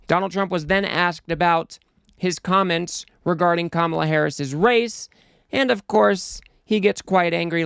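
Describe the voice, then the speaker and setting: A man's voice: sits high, vocal fry, a bit bright, clean tone, no room sound, clean studio sound. A man hosting a political commentary show, talking in an exasperated, scornful way.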